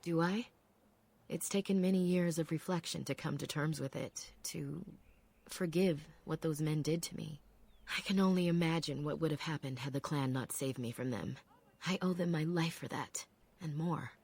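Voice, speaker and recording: A solemn husky elf apprentice. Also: female voice, low voice, a little mellow, full character voice. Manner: measured, solemn, reflective. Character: calm proud female Dalish elf apprentice.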